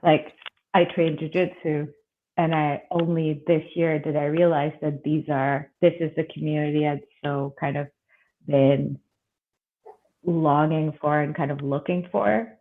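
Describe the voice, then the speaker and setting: Woman guest from bangladesh, born in russia, chatty and thoughtful, flat delivery. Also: low-pitched, unhurried. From born in Russia, raised in Bangladesh. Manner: relaxed, reflective, with fillers and light laughs. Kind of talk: casual interview conversation. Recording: tinny phone-like line.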